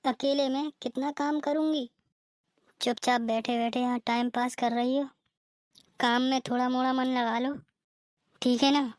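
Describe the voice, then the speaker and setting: A woman's voice: high-pitched, fairly even intonation, unhurried, pauses often, no echo, clean studio sound. A woman voicing a bossy, nagging elder sister-in-law. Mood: scolding. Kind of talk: cartoon voice acting.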